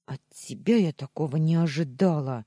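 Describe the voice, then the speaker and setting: A reader voicing a jealous young wife, accusing her husband in high, shrill outbursts. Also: normal speed, dark tone, slightly rough, dry recording, clean studio sound. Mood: shocked, accusing.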